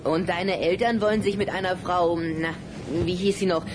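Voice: medium pitch, fairly even intonation, normal speed, noisy background, natural voice. An actor playing a cheeky young vampire boy who teases with a hint of menace, in a German children's radio play. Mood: curious, scheming. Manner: teasing, impudent.

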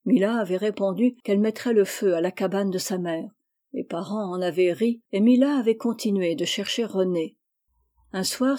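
A woman reading a classic novel aloud in a measured, unhurried way. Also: mid-range voice, dark tone. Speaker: audiobook reader. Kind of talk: scripted literary narration.

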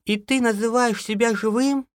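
A jittery young wife from a horror audiobook, played by a man who pushes his voice far up into a thin, shrill register. The recording is dry and close. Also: animated, a little slow, no room sound. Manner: shrill, anxious. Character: young wife, nervous and frightened. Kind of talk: audiobook character voice.

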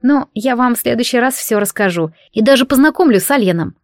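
A woman's voice: fairly high pitch, expressive, fast talker, a little mellow, no echo, clean studio sound. A woman voicing a dreamy young light witch in an audiobook, gushing and chattery.

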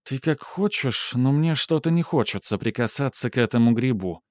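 A man reading an audiobook, voicing a wary, prickly young woman raider in a raised pitch. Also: expressive, moderate pace, no room sound, natural voice.

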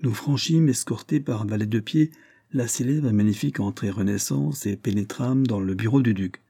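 Guy reading an old detective novel, dark husky voice, dead dry sound. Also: fairly low pitch, no room sound. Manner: measured literary storytelling. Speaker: audiobook narrator. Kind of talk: scripted narration.

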